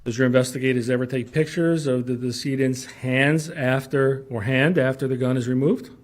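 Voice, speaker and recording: A man cross-examining a witness as defense attorney in a courtroom recording, halting and repeating words as he presses his questions. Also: mid-range voice, fairly even intonation.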